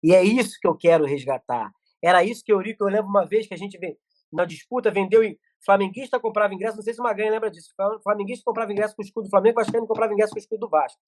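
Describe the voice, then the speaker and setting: A middle-aged man, chatting as a guest on a podcast. He rattles off stories at a quick clip, stumbling and restarting mid-sentence. His voice sounds dry and close to the mic. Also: sits high, a little mellow, no room sound. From Brazil. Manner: rapid storytelling with many restarts. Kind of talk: casual chat.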